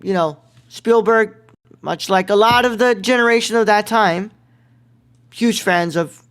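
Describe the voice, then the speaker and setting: A man's voice: high voice, a little slow, fairly bright tone, smooth. A young man hosting a casual film review podcast, rambling with many fillers and slang like "bro.". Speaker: podcast host.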